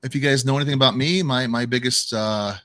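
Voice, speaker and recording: A man's voice: mid-range voice, steady tone, quick pace, fairly bright tone, no room sound, clean studio sound. Rambling man hosting a call. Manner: rambling, self-correcting, repeats words. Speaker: host. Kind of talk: casual livestream chat.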